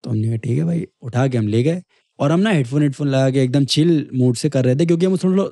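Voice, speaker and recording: A man's voice: medium pitch, fast, no room sound, studio quality. Young man telling a story. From Kanpur, India. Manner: lively storyteller who acts out quoted dialogue. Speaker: guest, MMA fighter. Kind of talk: casual storytelling chat.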